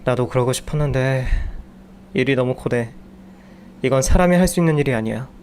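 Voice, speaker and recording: A man's voice: mid-range voice, brisk, darkish tone, a little hiss or hum, close to an everyday voice. A man voicing a whiny young husband who grumbles about every hard job. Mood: grumbling. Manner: sulky, complaining.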